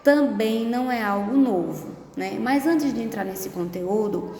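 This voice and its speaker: A woman's voice: on the high side, lively intonation, warm tone. Patient woman teacher in an echoey room. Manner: slow, patient, with frequent tag questions. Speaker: primary school teacher. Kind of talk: remote lesson to young pupils. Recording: echoey room with long reverb.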